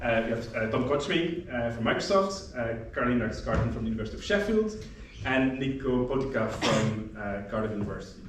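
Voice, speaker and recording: Animated and fairly quick, a medium-pitched man moderates a workshop panel before an audience in a lecture room, cracking loose jokes and frequently starting sentences over. A distant mic picks him up in heavy echo with faint noise.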